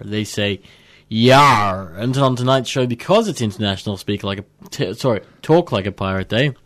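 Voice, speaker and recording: A young man co-hosting a gadget radio show in casual chat, joking around and dropping pirate "yar" growls between sentences. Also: mid-range voice. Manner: jokey, keeps growling pirate "yar" interjections.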